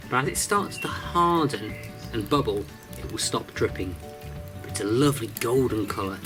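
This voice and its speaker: A British man at middle pitch teaches campfire cooking outdoors. He talks in a friendly, instructive way, often turning to address the kids watching live, with faint music underneath. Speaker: forest school instructor.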